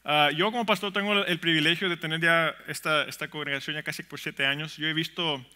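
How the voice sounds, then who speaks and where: Bright-voiced preaching pastor. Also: male voice, on the high side, steady tone, fairly quick. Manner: conversational, warm preaching with chuckles and congregation call-outs. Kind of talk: sermon. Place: church sanctuary.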